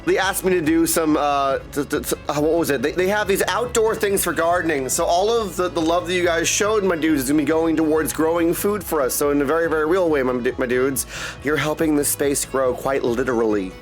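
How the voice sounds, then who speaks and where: This game streamer has a high voice and speaks briskly, with soft music in the background and a rough-sounding recording. Casually chatting to his livestream audience, he's goofy and theatrical, plays with made-up silly words, and repeatedly says "my dudes" and "my friends." He's indoors at his desk streaming setup, on a streamer mic and headset.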